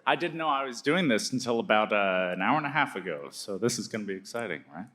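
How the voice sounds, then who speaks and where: A young man from the United States tells a jokey, chatty story packed with fillers and asides at a live storytelling event, standing on stage in a hall before an audience. His lowish voice is animated, fast, pushed, and bright. The sound is distant and echoey, with the crowd audible.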